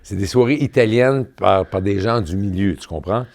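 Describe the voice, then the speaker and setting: A man's voice: fairly low pitch, moderate pace. A middle-aged man with a Québécois French accent, a guest telling stories in a casual interview, full of fillers and restarts. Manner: animated storyteller with many fillers and restarts. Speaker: guest, boxer turned actor.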